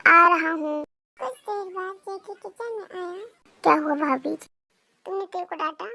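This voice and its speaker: A woman doing a loud whiny young husband, storybook reading, very high gravelly voice, pleading. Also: a little slow, exaggerated voice. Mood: defensive. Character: playful, stubborn young man, loud husband.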